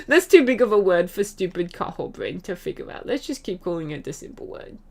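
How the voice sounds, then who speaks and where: A woman's voice: medium pitch, huge pitch swings, unhurried, a little mellow. A young Australian woman streaming, chatting casually with her audience, giggling often and rambling through fillers and restarts. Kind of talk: casual chat reading chat messages.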